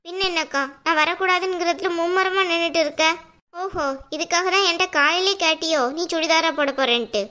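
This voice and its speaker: A woman's voice: very high-pitched, a little fast, bright, forceful tone. A woman voicing a cheeky, argumentative younger sister in a cartoon who needles her elder sister. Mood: needling.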